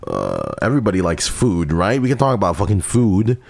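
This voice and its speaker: A man giving casual, excitable commentary while playing a game, gushing over it and swearing a lot. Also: sits low, brisk, creaky, no echo. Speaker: streamer.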